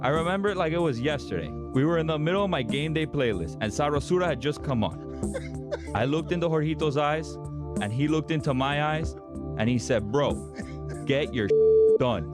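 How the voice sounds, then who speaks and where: Brash young superfan played by a man, Miami Cuban-American accent, higher-pitched, booming motivational hype speech over prominent music. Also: expressive, moderate pace, natural voice. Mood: fired-up, defiant. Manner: emphatic, dramatic build-ups, slangy Spanglish. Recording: background music under the voice.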